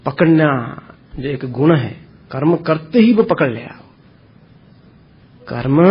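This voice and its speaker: A man with a slightly high, husky voice gives an informal spiritual talk. He explains step by step with household examples and responds to listeners as he goes. The recording sounds dull and lo-fi. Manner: explains slowly with homely examples, answers listeners. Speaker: spiritual teacher.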